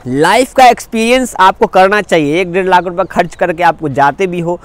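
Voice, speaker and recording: Young man from India, vlogger, earnest and repetitive, fairly high voice, smooth and dry. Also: moderate pace, dry recording. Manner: earnest, repetitive advice to viewers. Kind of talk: direct-to-camera vlog talk.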